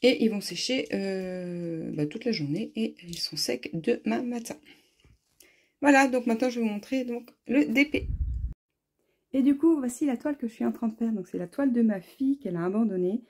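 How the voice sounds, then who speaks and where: A woman's voice: fairly high pitch, moderate pace, a little mellow. A woman vlogging from home about her craft hobbies, chatty and friendly, with lots of hesitant filler sounds. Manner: friendly, speaks straight to viewers. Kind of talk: casual chatty show-and-tell vlog.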